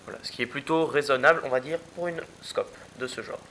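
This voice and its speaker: A man's voice: mid-range voice, fairly quick, heavy background noise. A young man giving a casual product review, hesitant, with many fillers and restarts.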